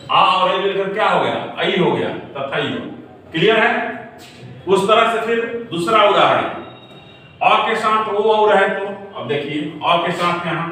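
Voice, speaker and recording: A male teacher with a high voice, heard from some distance in a very echoey room with faint noise behind him. He talks slowly and answers his own questions as he leads an exam-prep class. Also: bright, forceful tone. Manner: repeats questions and answers them himself, checking with "clear?".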